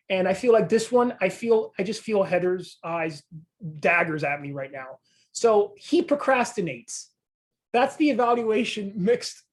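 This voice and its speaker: A man with a regional accent presenting a training webinar on communication, conversational with self-deprecating asides. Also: high-pitched. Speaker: extension presenter.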